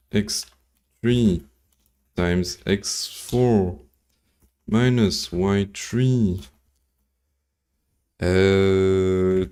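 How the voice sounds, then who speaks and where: A Belgian man whose first language is French, with a lowish, dark-toned voice, streams casual live coding. He thinks aloud, reads formulas slowly, and drops in dry joking asides.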